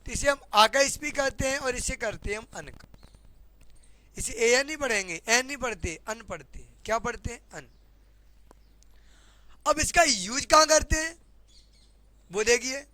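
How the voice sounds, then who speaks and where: A man's voice: very high voice, expressive, moderate pace, sharp tone. A man with a Hindi accent teaching English grammar in a classroom lesson, often repeating questions to his students.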